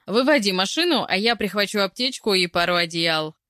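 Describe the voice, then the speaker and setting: A woman reading a story and voicing a big, brash, teasing female friend who talks loudly and boldly, in a dry, close recording. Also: mid-range voice, animated, fairly quick, no room sound, pitched above the performer's own voice. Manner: bold, teasing, loud.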